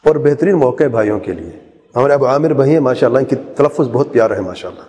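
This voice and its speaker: A man's voice: medium pitch, animated, mellow, in a large hall. A man preaching a sermon to a gathering, earnest and urging, often putting questions to his listeners.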